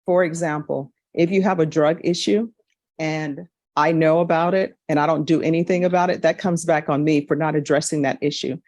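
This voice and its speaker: A woman judge runs a hearing in a calm, procedural, plainly spoken way, her voice sitting a little low. The courtroom recording is dry, with little room sound around her words. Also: normal speed, dry recording.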